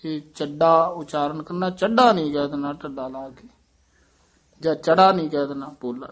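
A man teaching scripture recitation, chanting each line in a measured sing-song and stopping to explain pauses and pronunciation. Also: a little high, fairly even intonation.

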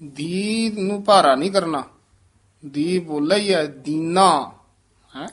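A man teaching scripture recitation, correcting pronunciation and modeling each word slowly and carefully. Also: high-pitched, a bit bright. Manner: slow, deliberate, models each word syllable by syllable.

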